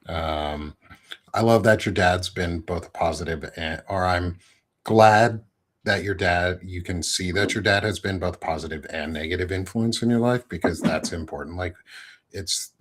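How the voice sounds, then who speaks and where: A man's voice: sits low, fairly bright tone. A man in his thirties hosting a casual interview, rambling and correcting himself often with many ums. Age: 30s. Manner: rambling, filler-heavy, self-correcting. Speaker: podcast host.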